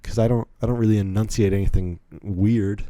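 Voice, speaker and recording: On his solo podcast, a young man from Virginia in the United States rambles through stories with plenty of chatty asides. His voice sits on the low side and sounds dark, steady, and fairly quick, with no echo in the recording.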